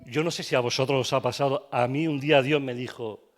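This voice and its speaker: A man's voice: medium pitch, fairly even intonation, a little fast. A man with a Spanish accent preaching a sermon as pastor in a church, asking his congregation questions and adding frequent amens. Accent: Spain.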